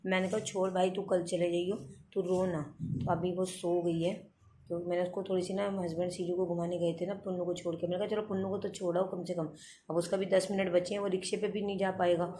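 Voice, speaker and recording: A woman's voice: fairly low pitch, little pitch movement, quick pace, warm tone, slight background noise. A woman in her thirties vlogging at home with a phone camera, telling a long family story in a chatty way and acting out what everyone said. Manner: chatty storytelling, retells family talk in quotes. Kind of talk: casual home vlog chat.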